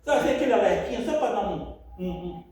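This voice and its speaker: A man preaching a sermon about marriage, chatty and animated, often laughing as he talks. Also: high voice, quick pace. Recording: echoey room, mic far off.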